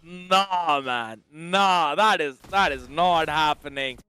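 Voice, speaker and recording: A man's voice: fairly high pitch, slow, pushed and bright, clear, resonant tone. A man giving casual color commentary and analysis on a mobile esports match, slangy and chatty.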